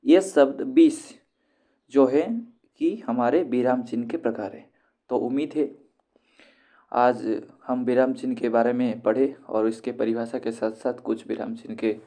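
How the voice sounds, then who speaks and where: Calm male Hindi grammar teacher, mellow voice. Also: mid-range voice. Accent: Indian. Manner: explains slowly and repeats key terms. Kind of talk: explanatory lesson to students.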